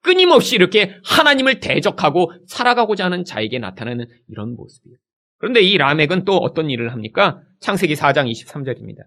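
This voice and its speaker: A man's voice: fairly high pitch, fast talker. A middle-aged man preaching a sermon in a church as pastor, acting out the people he quotes. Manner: animated, acts out quoted people in his preaching.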